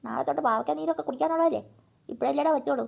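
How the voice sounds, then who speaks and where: A woman voicing a cheerful old grandmother with a sweet tooth in a cartoon, with a gravelly, creaky voice and an easygoing, teasing manner. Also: high-pitched, rapid-fire, a little mellow, slight background noise, voice pushed down.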